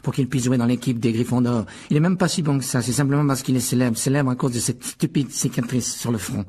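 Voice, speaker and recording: A man puts on a spoiled storybook schoolboy who sulks and whines with resentment. The lines come rushed and a little louder, in a slightly husky voice. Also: medium pitch, flat delivery, close to an everyday voice. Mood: sulky. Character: spoiled sulky schoolboy wizard.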